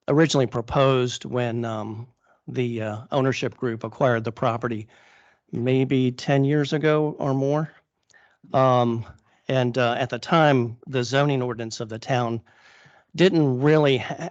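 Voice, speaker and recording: A man presenting formally at a public meeting as an applicant's attorney, halting with many fillers and restarts, and losing his voice. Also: medium pitch, no room sound, lo-fi sound. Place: council chamber.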